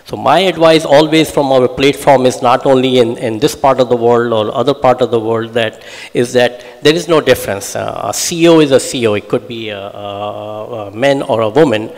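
A man's voice: medium pitch, normal speed, a little mellow. A man answering as a panelist on a conference stage, formal and hesitant with frequent fillers, into a handheld mic. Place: large conference hall stage. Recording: reverberant hall.

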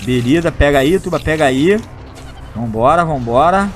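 Excitable gamer man, high voice. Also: normal speed, slight background noise. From Brazil. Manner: excitable, shouts and laughs at big moments, slangy hype talk. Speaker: gaming YouTuber. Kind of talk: excited let's-play commentary. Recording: faint game music behind the voice.

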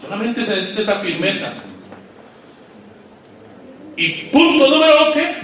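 A man preaching a sermon to pastors, swinging between loud emphatic peaks and low quiet asides and asking the audience questions. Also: very animated, normal speed, a little hiss or hum. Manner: asks the audience questions and waits for replies. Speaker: guest pastor. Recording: echoey hall, voice far from mic.

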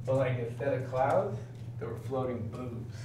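A man's voice: mid-range voice, a little slow, background noise, lightly acted. A man playing a slangy party bro. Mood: slangy, eager. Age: young adult. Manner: slangy, loose bro talk. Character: laid-back party-bro college roommate. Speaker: roommate Tyler. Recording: roomy echo.

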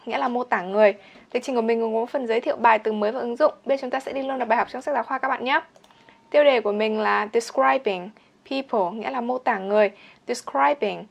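A young woman teaching English vocabulary, explaining in Vietnamese and slowly repeating each English word for pronunciation practice. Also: a little high. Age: young adult. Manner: repeats words slowly and clearly for drilling. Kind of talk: bilingual vocabulary lesson with pronunciation drills.

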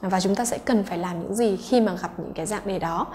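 A woman's voice: mid-range voice, brisk, a little mellow, slight background noise. A woman English teacher, patiently going through exam answers and checking in with her students.

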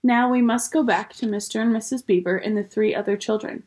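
A woman teacher reading a children's book aloud with clear, expressive storytelling. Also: a little high, fairly quick.

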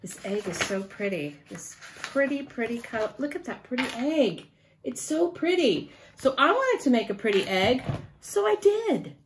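A woman reading a picture book aloud to a child in an animated, sing-song way, stopping to ask questions. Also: fairly high pitch, normal speed, noisy background. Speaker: storyteller for children.

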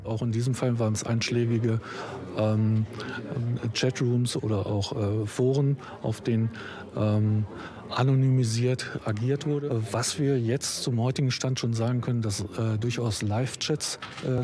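A man's voice: mid-range voice, fairly even intonation, crowd noise. A middle-aged man, a police investigator, giving a formal press conference statement with frequent hesitations. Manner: formal, halting with frequent fillers. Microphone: table microphones.

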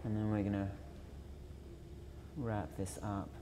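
A man's voice: fairly low pitch, flat delivery, slow, background noise. A young man, a photographer and filmmaker, giving an informal illustrated talk in a university auditorium, reflective and full of fillers and self-corrections. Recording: long reverb of a lecture hall.

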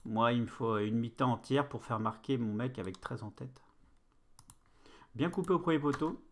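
A man streaming a football management game, commenting casually and excitably with bursts of play-by-play and swearing. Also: mid-range voice, normal speed.

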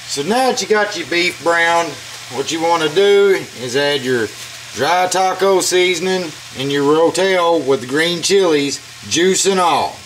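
A man's voice: on the high side, unhurried. A man, chatting folksily while filming a home cooking vlog in his kitchen. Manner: folksy, chatty, says y'all. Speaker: family vlogger and home cook. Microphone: handheld camera mic. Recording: noisy home kitchen audio.

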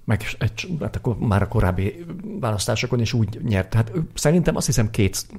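A man co-hosting a casual podcast, answering in a measured, hesitant way with a sober tone. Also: lowish voice, animated, a little mellow, slightly rough. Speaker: podcast co-host. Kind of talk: casual political chat.

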